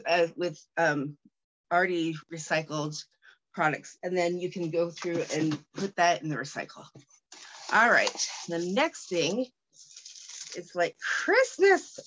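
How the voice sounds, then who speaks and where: A woman giving a casual product unboxing, talking in a chatty, rambling way with many fillers and restarts, sometimes reading product copy aloud haltingly. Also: lowish voice, fairly bright tone, slight background noise. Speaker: product reviewer.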